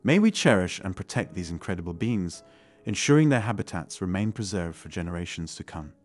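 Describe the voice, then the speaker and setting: A man's voice: low voice, expressive, fairly quick. A man reading scripted nature documentary narration in a polished, grandiose manner. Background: faint music.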